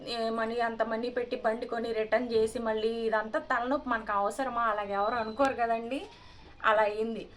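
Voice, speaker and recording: A woman's voice: a little high, fairly bright tone. A woman in her thirties, a vlogger earnestly telling viewers about an aggrieving personal experience and addressing them politely. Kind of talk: personal story told to viewers.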